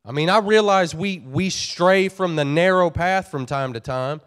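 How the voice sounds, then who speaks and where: A man's voice: a little high, measured pace, fairly bright tone, clear, resonant tone. A pastor preaching a sermon to his church, earnest and folksy, often repeating and restarting his phrases.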